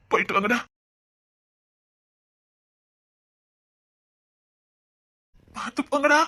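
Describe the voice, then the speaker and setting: A performer with a Tirunelveli accent playing a tender, doting old grandfather in a comedy skit, talking slowly and fondly. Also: medium pitch, no echo, clean studio sound, natural voice. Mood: sorrowful. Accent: Tirunelveli Tamil. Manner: slow, fond and pleading, breaking into sobs. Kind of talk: skit acting.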